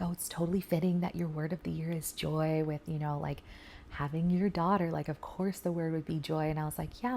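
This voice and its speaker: A young woman vlogger telling a heartfelt story to other mothers, chatty and earnest, sometimes dropping to soft breathy asides. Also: sits low, slight background noise. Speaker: faith vlogger talking to new mothers. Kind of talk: casual heartfelt storytelling to camera.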